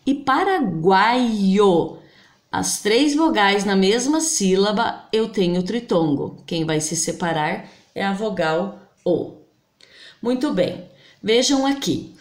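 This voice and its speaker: Woman teacher, grammar lesson, slow deliberate delivery, roomy echo. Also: medium pitch, animated. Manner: slow, deliberate, spelling out words syllable by syllable.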